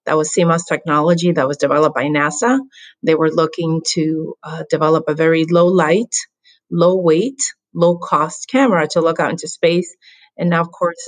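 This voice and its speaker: A woman from the Dominican Republic, a guest on a video call, telling her career story in an upbeat, measured way with some fillers. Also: sits low. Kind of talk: interview answers.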